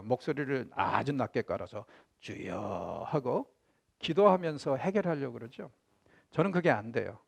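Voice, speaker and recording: A male professor gives a theology lecture to a classroom. He talks in a conversational, animated way, and his fairly high voice swings widely in pitch. His voice turns gravelly at times, and the recording sounds dry and close. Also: dry recording. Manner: animated, conversational, acts out quotes.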